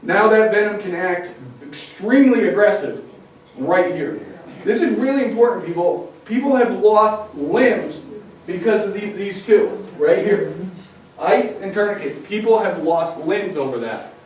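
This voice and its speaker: A man with a fairly high voice gives a lively public presentation, acting out little scenes with humor. He sounds far from the mic in a very echoey room, with faint noise behind him. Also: measured pace. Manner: lively, acts out scenarios with humor. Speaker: wildlife educator giving a public talk. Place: lecture room with an audience.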